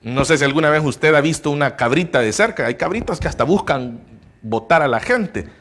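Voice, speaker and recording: A man preaching a sermon as pastor of a church, passionate, rising to loud emphasis and dropping to hushed tones, and asking his listeners rhetorical questions. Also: fairly high pitch, lively intonation, brisk. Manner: asks the congregation rhetorical questions.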